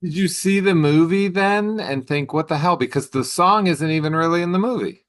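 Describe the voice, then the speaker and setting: A man's voice: fairly high pitch, moderate pace. A man hosting an interview, asking curious, musing questions about a film's sound and score. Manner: curious, speculative questions with brief backchannels. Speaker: interviewer, magazine host. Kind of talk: casual interview.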